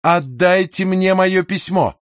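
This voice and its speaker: A man's voice: sits high, slow pace, no room sound, studio quality, pitched above the performer's own voice. A man voicing a down-on-her-luck aging female singer in an audiobook, huffy and grumbling to herself. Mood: shrill. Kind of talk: audiobook character voice.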